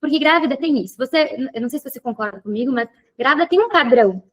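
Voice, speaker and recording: A woman's voice: high voice, animated, quick pace, a bit bright. A woman hosting an interview, talkative and thinking aloud with many fillers. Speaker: podcast host and physiotherapy teacher. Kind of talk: casual interview chat.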